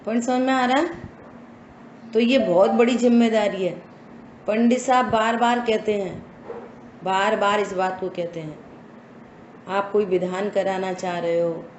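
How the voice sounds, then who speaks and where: A woman's voice: mid-range voice, a little mellow, a little hiss or hum. A woman giving a scripture study lesson, speaking emphatically and asking her listeners rhetorical questions. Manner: slow, emphatic instructive delivery with rhetorical questions. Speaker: religious teacher. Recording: echoey room with faint ambience.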